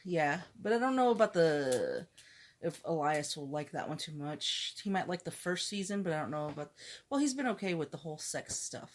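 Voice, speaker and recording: A woman's voice: deep voice, expressive, normal speed. A woman podcast co-host chatting casually in a candid, joking way, with some swearing. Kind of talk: casual chat.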